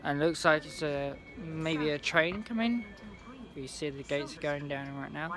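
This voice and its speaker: A young man vlogging on a railway platform, talking in a halting, rambling way with many restarts, into a phone held at arm's length. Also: fairly high pitch, over music. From England. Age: young adult. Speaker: trainspotting vlogger. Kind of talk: casual handheld vlog. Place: outdoor railway station platform.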